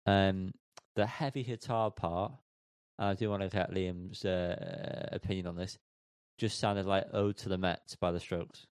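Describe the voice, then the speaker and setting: Guy co-hosting a music podcast, kinda low smooth voice, dry sound, laughs a lot. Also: steady tone, measured pace, a little mellow, no room sound. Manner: jokey, laughing, stumbles over names. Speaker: podcast co-host reviewing music. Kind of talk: casual chat.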